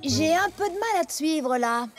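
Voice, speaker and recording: A woman voicing a down-to-earth, sceptical young female pony in an animated cartoon dub, plain-spoken and doubtful. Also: high voice, moderate pace, music in the background.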